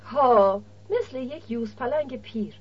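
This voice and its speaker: A woman's voice: on the high side, expressive, husky. A woman reading the lines of a shrewd, teasing village middleman in an audiobook. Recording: dull lo-fi recording.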